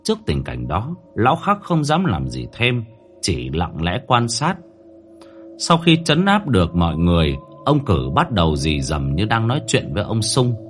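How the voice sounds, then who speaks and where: A man telling a horror story with a lowish voice that rises and falls dramatically. He slows for tense moments, with faint music playing underneath. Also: huge pitch swings.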